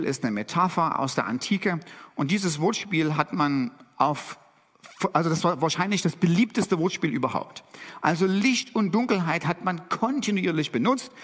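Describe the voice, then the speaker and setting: A middle-aged man preaching a sermon, lively and animated, with dramatic emphasis on key phrases. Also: on the high side. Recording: long hall reverb.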